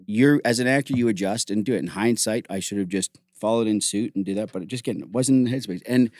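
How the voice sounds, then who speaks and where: A fairly low-pitched, middle-aged man speaks in a close, dry sound as host of a casual podcast chat. He tells stories in an animated way, stops and restarts often, and leans on "like" while acting out what others said. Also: fast talker, no echo. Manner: animated storytelling, acts out quotes; heavy use of "like", frequent restarts.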